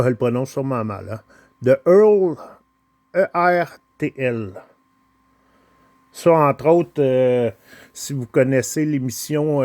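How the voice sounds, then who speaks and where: A Québécois man unboxes and displays his small car collection in a relaxed vlog. He speaks slowly, hesitating often, with plenty of pauses and fillers, in a slightly mellow, mid-range voice. The recording has no echo.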